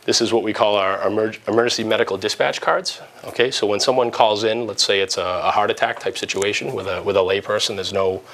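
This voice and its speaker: The speaker, a police dispatch supervisor, informally explains things one step at a time during an interview and tour. He talks fast, with few pauses, in a lowish, slightly bright voice with a steady tone. The room ambience is clearly noisy.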